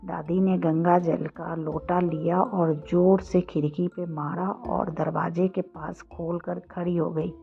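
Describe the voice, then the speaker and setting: A woman narrating a first-person horror story, slow, flat and hushed. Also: fairly low pitch, gravelly. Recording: dull lo-fi audio with faint music.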